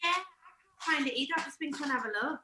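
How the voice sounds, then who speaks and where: Woman, guest singer, soft-spoken, laughs easily, roomy remote call. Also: sits high, lively intonation, racing, background noise. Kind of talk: casual live-stream chat.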